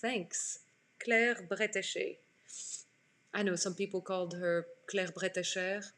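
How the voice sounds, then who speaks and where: A medium-pitched woman speaks slowly in a steady, fairly bright tone. She's a French art instructor in her forties who hosts a live stream from home, keeping up a casual, chatty conversation with viewers and answering their comments while she draws.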